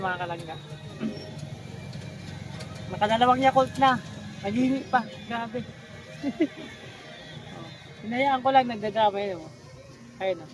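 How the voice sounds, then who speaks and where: A man vlogging outdoors by the seaside, teasing and coaxing a child with playful questions. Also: extremely high pitch. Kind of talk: casual vlog narration.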